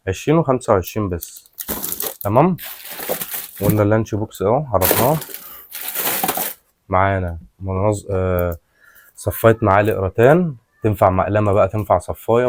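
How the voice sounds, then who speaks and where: A man with an Egyptian Arabic accent giving a casual, repetitive sales pitch, presenting products in colloquial patter addressed to customers. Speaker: shop seller, product presenter. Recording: clearly noisy, rustling and clicking handling sounds.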